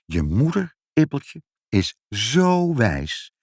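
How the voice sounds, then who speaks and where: A man's voice: medium pitch, huge pitch swings, drawn-out words, husky, no echo, clean studio sound, full character voice. A man voicing a hearty, cheerful father in a storybook reading. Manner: hearty, laughing.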